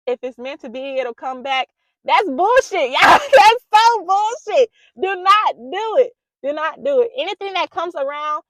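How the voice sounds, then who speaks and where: A woman's voice: high voice, no room sound, muffled recording. A young woman giving relationship advice to camera, emphatic and preachy, repeating herself for emphasis, recorded close on a microphone at home. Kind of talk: casual advice talk to camera. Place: small room at home.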